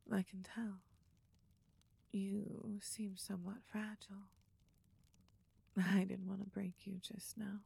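A woman voicing a doting, possessive young goth woman lover in an intimate audio roleplay, talking in a soft coaxing whisper. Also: a little high, vocal fry, breathy edge, heavily acted.

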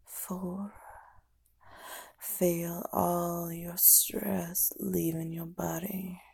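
A woman doing a whispered ASMR hypnosis, speaking in a slow, soft, unvoiced whisper as she counts down. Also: fairly low pitch, level tone, gravelly, breathy edge. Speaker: ASMR performer.

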